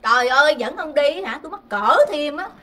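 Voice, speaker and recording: A shrill, bright-voiced kitchen goddess, bossy and sharp-tongued, scolding her husband in loud bursts. Her voice is high and sharp, caught from a distance by a stage mic with faint background noise. The sketch has the tone of stage comedy. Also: expressive, brisk. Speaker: comic stage actress.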